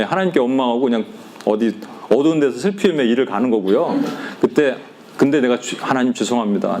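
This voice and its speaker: A man preaching a sermon to a small group, animated, acting out quoted complaints and speaking directly to his listeners. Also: medium pitch, slight background noise. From Korea. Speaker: pastor.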